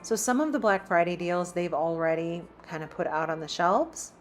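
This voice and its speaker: A woman's voice: fairly low pitch, moderate pace, soft background music. A woman chatting casually as she browses a store, reading out prices as she walks. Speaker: shopping vlogger. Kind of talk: casual shop-with-me narration. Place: inside a large store.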